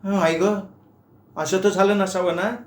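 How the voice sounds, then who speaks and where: A man's voice: sits high, fairly even intonation, unhurried, reverberant, pitched above the performer's own voice. A man doing a jumpy young woman. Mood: anxious. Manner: breathless, stammering in fright. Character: panicky young woman of twenty-two.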